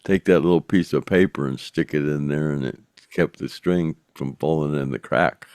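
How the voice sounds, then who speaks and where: Seventy-something guy rambling through old stories, real low voice, dry close sound. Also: darkish tone, dry recording. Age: 70s. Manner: rambling storyteller, halting restarts, chuckles. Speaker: podcast host. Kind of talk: casual chat.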